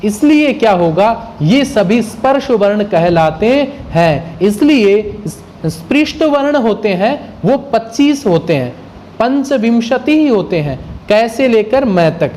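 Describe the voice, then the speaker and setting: Male grammar teacher, unhurried lecture delivery, quizzes the class and then answers himself. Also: high voice, lively intonation, darkish tone, slight background noise. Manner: asks questions and answers them himself; sounds out letters one by one. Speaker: Sanskrit teacher.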